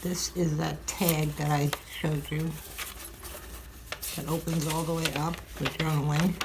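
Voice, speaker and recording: This craft tutorial host is an older woman whose low voice sounds slightly stuffy, with little pitch movement and a somewhat slow pace. Chatty and thinking aloud, she gives a relaxed demonstration at a craft table in her home, and crinkling craft sounds come through.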